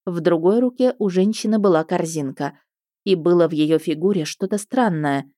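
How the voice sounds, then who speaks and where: A woman narrating an audiobook in the first person, expressive and wry. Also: lowish voice, moderate pace, dry recording, studio quality.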